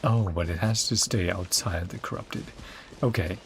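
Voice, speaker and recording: Game music plays behind a deep-voiced man who speaks at a moderate pace as he streams and reacts to a game. He mutters, thinks aloud to himself, and sings syllables in casual commentary, and there's a bit of hiss or hum on the audio.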